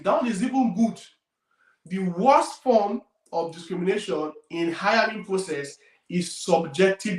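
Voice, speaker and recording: Nigerian male career coach, emphatic and repetitive, slightly high voice, roomy distant pickup. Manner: emphatic, repeats key points, loudness swings widely. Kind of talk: career advice talk.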